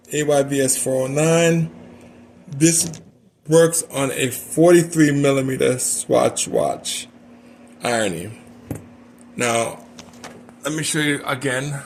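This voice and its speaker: A man's voice: mid-range voice, gravelly, slight background noise. A man casually talking through a hands-on watch strap demonstration, rambling as he works. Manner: rambling, talks while working with his hands.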